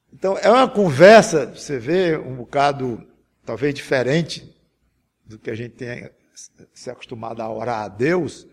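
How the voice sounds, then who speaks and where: Guy preaching, gravelly and a bit husky, pleading and earnest, keeps restarting his words. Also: mid-range voice. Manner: earnest, pleading, with many restarts and self-corrections. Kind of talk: sermon with a spoken example prayer.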